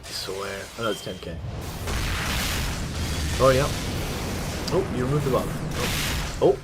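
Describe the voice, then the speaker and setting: Excitable man reacting to a game. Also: medium pitch, loud music behind the voice. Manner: excitable, swears, quick reactions. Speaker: streamer. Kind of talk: casual gameplay commentary.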